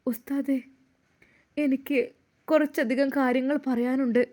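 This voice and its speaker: A woman's voice: sits high, fairly even intonation, measured pace, darkish tone. A woman voicing a distressed, lonely young woman who speaks in a trembling, pleading voice.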